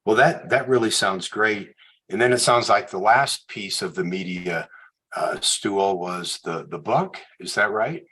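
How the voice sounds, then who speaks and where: Male podcast host, very deep and husky, encouraging interviewer. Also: unhurried, sharp tone. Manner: brief encouraging backchannels and questions.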